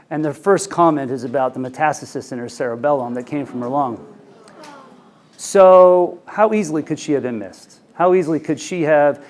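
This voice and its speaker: A man in his forties, an ENT physician, gives a conversational lecture to clinicians in a conference room, speaking into a handheld microphone. He is anecdotal and uses frequent fillers, and his voice is on the high side with a darkish tone.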